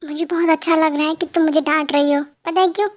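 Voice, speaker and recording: A woman's voice: sits high, flat delivery, fast talker, dull audio, close to an everyday voice. A woman voicing a playful, apologetic young husband who is a police officer, in an amateur fan dub. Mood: coaxing. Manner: coaxing, playful pleading.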